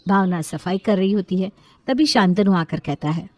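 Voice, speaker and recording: A woman narrating a scripted moral storybook in an even storytelling manner. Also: medium pitch, normal speed, dry recording.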